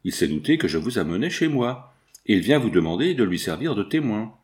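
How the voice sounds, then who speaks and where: A man's voice: fairly low pitch, sing-song, brisk, darkish tone. A man reading the part of a shrewd, scheming male financier in an audiobook, speaking in a persuasive, self-assured way.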